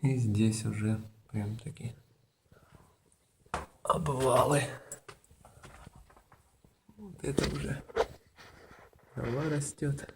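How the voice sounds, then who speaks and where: Man in a booming cave echo. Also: very slow, gravelly, pauses often, a little mellow. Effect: booming cave echo around the voice. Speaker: vlogger exploring caves. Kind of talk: casual walk-through commentary. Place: inside man-made caves. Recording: echoey cave, faint hiss.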